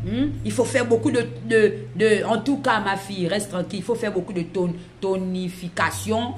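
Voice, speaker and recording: A woman's voice: mid-range voice, normal speed, faint music behind, pitched below the performer's own voice, natural voice. A woman voicing a middle-aged female doctor, motherly and worried, who calls her patient "my daughter". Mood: reassuring.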